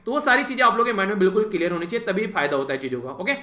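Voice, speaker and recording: Fast, bright-voiced teacher in an echoey room. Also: male voice, high-pitched, very animated. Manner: repeats "thik hai" as a filler, addresses students directly. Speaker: exam-prep teacher. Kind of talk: casual spoken lecture.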